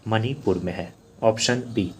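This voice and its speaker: A man with a fairly low, husky voice teaches at a slightly slow pace as an exam coach. His lesson walks through quiz answers, repeating and drilling them.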